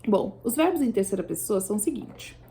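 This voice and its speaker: Gravelly-voiced woman teaching English. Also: medium pitch, very animated, brisk, dark tone. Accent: Brazilian Portuguese. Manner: patient explanations, frequent checking questions. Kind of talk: slide-based language lesson.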